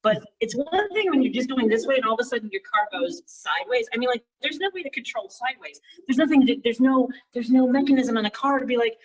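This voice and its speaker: A woman's voice: on the high side, lively intonation, fast, few pauses, husky. Woman comic in an echoey bathroom. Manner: rambling, self-mocking storytelling. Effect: echoey bathroom sound. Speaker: stand-up comic. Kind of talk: stand-up set over a live stream. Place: bathroom with hard walls. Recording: echoey bathroom, far from mic.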